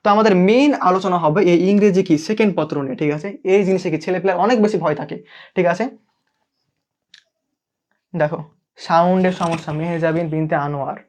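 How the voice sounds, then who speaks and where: A young man with a Bangladeshi Bengali accent tutors English in a live online class, speaking fast in a high-pitched voice broken by long pauses. He checks in with students again and again and asks them to comment.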